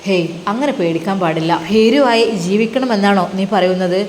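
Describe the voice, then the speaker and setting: A woman's voice: mid-range voice, moderate pace, darkish tone, slight background noise, close to an everyday voice. Brief: woman voicing resolute male teacher-husband, consoling but firm, roomy with long reverb.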